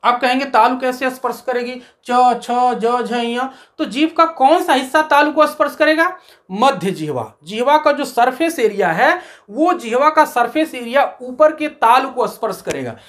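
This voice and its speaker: A woman's voice: high-pitched, expressive, a bit bright. A woman teaching a Hindi grammar lesson, explaining step by step and asking questions that she answers herself. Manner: recites letters of the alphabet slowly.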